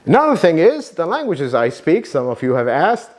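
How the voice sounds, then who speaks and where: Speaking at a normal speed, a YouTube host and car mechanic from Iraq whose native tongue is Arabic expresses heartfelt thanks to viewers. The tone is earnest and warm, with animated pitch movement.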